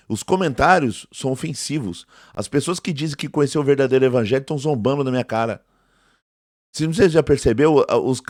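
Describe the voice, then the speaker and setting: A man's voice: medium pitch, no echo, studio quality. A man in his forties, a theology teacher, answering a critic directly to camera in an emphatic, indignant way and repeating his points. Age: 40s. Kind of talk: direct-to-camera response video.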